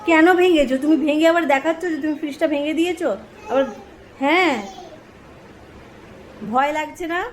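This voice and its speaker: A woman's voice: high voice, fairly even intonation, normal speed, long pauses, a little hiss or hum. A woman, vlogging at home as a mother who scolds her toddler in an exasperated, half-joking way. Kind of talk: casual scolding vlog.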